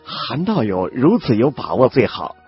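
A man's voice: mid-range voice, big pitch swings, normal speed, breathy edge, muffled recording, soft background music. A man voicing a shrewd boy spirit companion in an audiobook, asking probing, wry questions.

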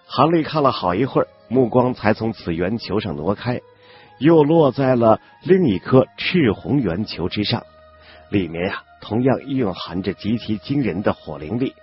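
A man narrating a fantasy web novel audiobook in a steady voice, dropping in small spoken fillers. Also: lowish voice, breathy edge. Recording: dull lo-fi audio with faint background music.

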